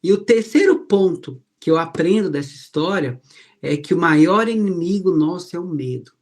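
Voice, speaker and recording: Man preaching with lively storytelling. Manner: storytelling, acts out quoted voices with rising pitch. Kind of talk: sermon.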